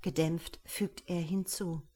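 A woman narrating a suspense audiobook in a measured, hushed manner. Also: fairly low pitch, fairly even intonation, slightly rough.

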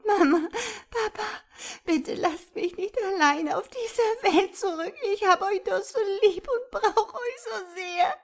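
A woman voicing a frightened young girl who has just lost her parents, speaking in a high, pleading voice and crying. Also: unhurried, darkish tone. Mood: sobbing.

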